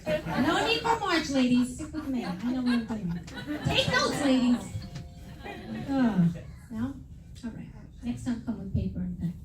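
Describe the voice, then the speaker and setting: Speaking slowly with frequent pauses, this woman's fairly high, very animated voice carries her brash, self-mocking comedy set at a live venue. She's middle-aged, from New York, and plays the characters in her stories, quoting them loudly. Heard far from the mic over music, the room echoes and the crowd laughs hard.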